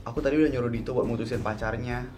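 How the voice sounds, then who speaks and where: A man voicing a scheming stepmother who speaks sweetly and softly to her husband. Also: mid-range voice, steady tone, rapid-fire, natural voice. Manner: sugary, ingratiating.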